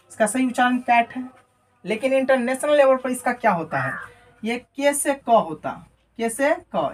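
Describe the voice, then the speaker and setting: Female teacher with a fairly high voice, lecturing at a board; repetitive, quizzing style with constant check-ins. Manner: repeats key words and asks questions she answers herself; often adds a checking "right?" tag. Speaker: English teacher. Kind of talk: classroom lesson explaining phonetics. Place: teaching at a board she writes on and erases.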